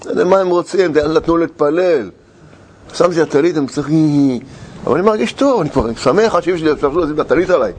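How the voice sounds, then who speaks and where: Here a middle-aged man with a husky, somewhat high voice shares an anecdote from his own life in relaxed talk. Laughter runs through his lively telling, though frequent halts, restarts and word searches break it up.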